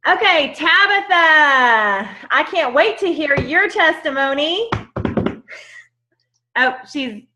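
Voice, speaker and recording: A woman's voice: high voice, lively intonation, slow pace, pauses often, noisy background. A woman hosting a casual group call, effusive and encouraging as she talks. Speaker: host of the testimonial call.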